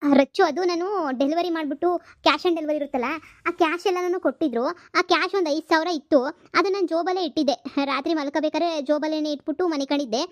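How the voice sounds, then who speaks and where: A woman voicing a stern, hard-up young husband who works as a delivery man, scolding fast in a cartoon comedy. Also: high-pitched, dry recording, dull audio, lightly acted. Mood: puzzled. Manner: scolding, lecturing, fast and insistent.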